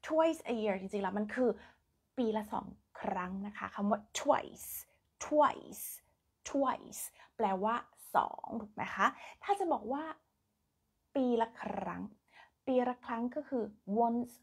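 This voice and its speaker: Thai lady doing a live english lesson on her phone, kinda husky voice, chatty, thai accent, repeats words over and over. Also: a little high, expressive, slow pace. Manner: chatty, switches between Thai and English, drills words by repetition. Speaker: English teacher on a live stream. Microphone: phone camera.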